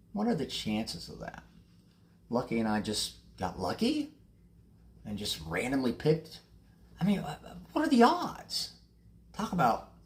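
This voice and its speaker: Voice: medium pitch, a little mellow. A recovery meeting host speaking candidly to viewers, blunt and passionate, swearing freely and restarting sentences often. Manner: rambling with repeated restarts. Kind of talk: candid recovery talk to camera.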